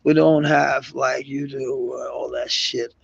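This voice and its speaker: Danish-accented man, casual streamer, gravelly, slow drawl, profane and rambling, dull lo-fi mic. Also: medium pitch, steady tone, slight background noise. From Denmark. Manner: rambling, profane, laughs often. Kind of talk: casual livestream chat.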